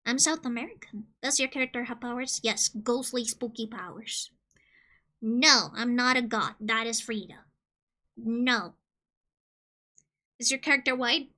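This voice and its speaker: A woman from Colombia streaming casually, joking and reading game questions aloud, with sudden loud squeals. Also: fairly high pitch, unhurried, long pauses.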